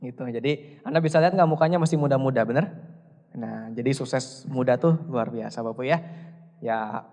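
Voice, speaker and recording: A man's voice: medium pitch, moderate pace, darkish tone. A young man giving a motivational seminar talk on stage, chatty and joking, speaking straight to the audience. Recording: reverberant hall.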